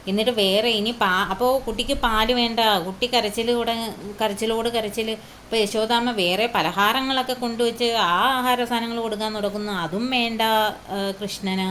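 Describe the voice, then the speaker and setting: A woman telling a devotional story in an unhurried, casual way, pausing often and asking the listeners questions. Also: a little high, steady tone, fairly bright tone, a little hiss or hum.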